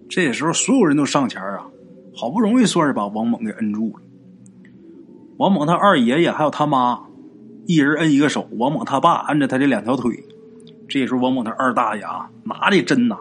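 A man tells a ghost story, his pitch rising and falling widely as he acts out the characters. A faint noise sits under the voice. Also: a bit bright. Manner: colloquial, acts out characters' lines with big pitch jumps. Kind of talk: casual spoken ghost story narration.

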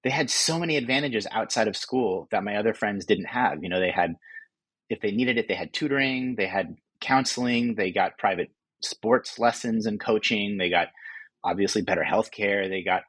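A man's voice: on the low side, normal speed, fairly bright tone, slightly rough, dry recording, poor audio. A man in his forties from California, an author answering interview questions thoughtfully, often restarting his sentences. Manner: thoughtful, with frequent restarts and fillers. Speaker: author and guest.

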